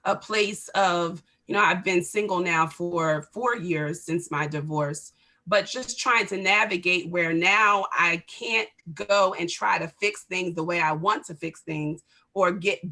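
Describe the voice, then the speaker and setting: A woman in her forties speaks earnestly on a church video call, sharing her faith struggles in a bright, forceful voice. Her tone is heartfelt and direct. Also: medium pitch. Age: 40s. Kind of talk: personal testimony in group chat.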